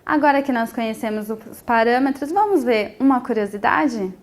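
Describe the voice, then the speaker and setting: A woman teaching a sign language lesson, explaining each point patiently and filling pauses with short hesitations. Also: a little high, lively intonation, heavy background noise. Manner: patient, explanatory, with frequent 'é' fillers.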